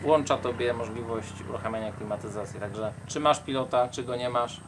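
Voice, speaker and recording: A man's voice: mid-range voice, brisk, background noise. A young man travel vlogger reading out viewer questions and explaining plainly in casual chat.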